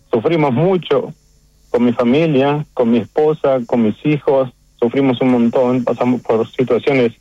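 Man, Uruguayan accent, middle-aged, emotional and halting, dry dull phone sound. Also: mid-range voice, dry recording. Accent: Uruguayan Spanish. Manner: emotional, halting, many restarts and fillers. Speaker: chef and restaurant owner. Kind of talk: phone interview.

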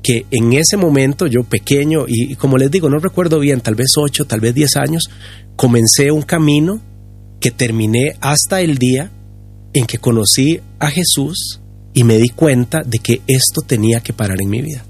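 A husky-voiced man speaks earnestly and at a halting pace, restarting his phrases often. His voice sits at an ordinary pitch, and soft music plays faintly under it. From Costa Rica. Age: 50s. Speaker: pastor and guest. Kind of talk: candid testimony on a podcast.

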